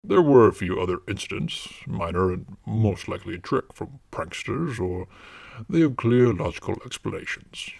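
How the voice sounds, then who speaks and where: A man playing a stern, secretive paranormal investigator and mentor in an audio drama, speaking formally and commandingly in a disguised, altered deep voice. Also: expressive, normal speed, vocal fry, darkish tone, no echo, heavily acted. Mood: impatient, commanding.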